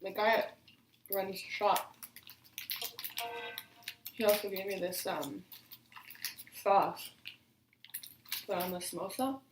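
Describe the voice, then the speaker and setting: A woman's voice: mid-range voice, steady tone, slow pace, long pauses. Woman vlogger, casual rambling chat while eating, roomy distant audio with faint hiss. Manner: chatty, rambling with fillers between bites.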